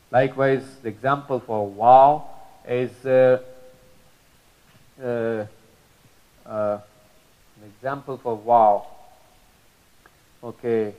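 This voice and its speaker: A man's voice: mid-range voice, a little mellow, poor audio. A man teaching Arabic pronunciation in a religious lesson, patiently repeating model sounds with many fillers.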